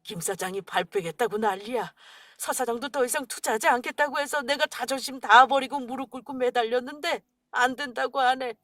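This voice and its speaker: A woman voicing an angry middle-aged father-in-law, a gruff, scolding businessman, in a dramatized radio story. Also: sits high, fairly quick, a bit bright, no room sound, studio quality. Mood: grim.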